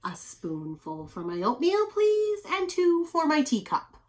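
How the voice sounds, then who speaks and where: A woman plays a gentle elderly zookeeper from a picture book. He speaks politely and expressively in a measured way, with a fairly high voice. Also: wildly swooping pitch, full character voice. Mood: politely cheerful.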